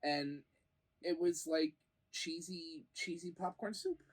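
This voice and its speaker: A man's voice: fairly high pitch, takes it slowly, a loud crowd. A man co-hosting a food review in casual chat, plainspoken and matter-of-fact.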